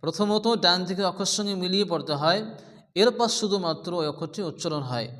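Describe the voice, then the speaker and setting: A man teaching Quran recitation step by step with a Bangladeshi Bengali accent, explaining patiently, asking the class questions and chanting the verses slowly and melodically. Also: sits high, fairly bright tone. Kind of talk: step-by-step tajweed lesson. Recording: long reverberant echo.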